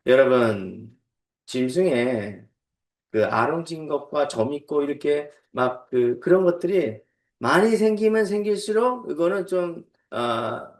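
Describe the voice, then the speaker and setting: A male pastor delivers his sermon with a lively, rising and falling voice that sits a little high for a man. The sound is roomy and reverberant, picked up from some distance in a church sanctuary. He keeps checking in with the congregation through quick rhetorical questions. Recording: echoey church sanctuary, away from the mic.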